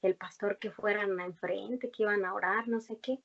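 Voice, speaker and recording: A woman's voice: mid-range voice, fairly even intonation, normal speed, gravelly. A young woman gives a heartfelt personal faith testimony in conversation, earnest and rambling, with many fillers and restarts. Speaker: guest giving a faith testimony. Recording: dull lo-fi recording.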